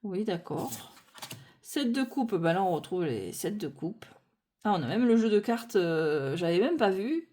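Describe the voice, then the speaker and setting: Going through a tarot deck one card at a time, a French-speaking woman thinks aloud casually and without hurry, correcting herself and restarting often amid many fillers. Her mid-range voice is very animated yet mellow.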